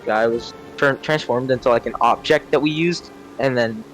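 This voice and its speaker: On a gaming channel, a young man tells stories in a loose, casual chat, wandering, hunting for words and cursing freely. He talks at a normal speed in a mid-range, slightly bright voice. The low-quality recording has faint music behind him and distinct vehicle-like noise.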